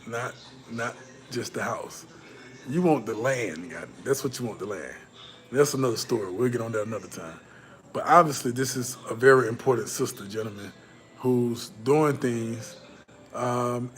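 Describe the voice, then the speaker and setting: Talking loosely to the camera, this male vlogger has a mid-range voice and a blunt, cursing style. Fillers like "you know" keep repeating. He shifts from forceful, loud stresses to quiet mumbled asides.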